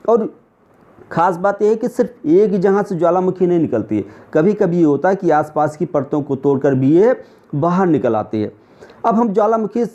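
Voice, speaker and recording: A man's voice: high voice, mellow. A male teacher with a Hindi accent explaining a lesson over diagrams, often asking a question and then answering it himself. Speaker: exam coaching teacher. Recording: muffled lo-fi recording.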